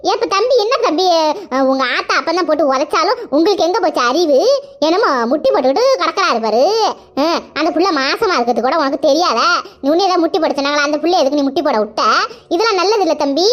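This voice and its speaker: A woman's voice: very high-pitched, lively intonation, fast talker. Woman voicing a chiding neighbor woman. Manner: lecturing, chiding. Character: motherly neighbor woman, lecturing and caring.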